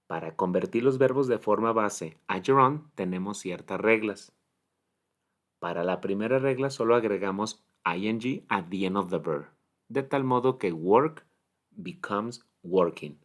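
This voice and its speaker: Man, English teacher, low voice, very slow, deliberate explanations. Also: animated. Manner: slow, deliberate, spells out letters and models English words. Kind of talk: grammar lesson explanation.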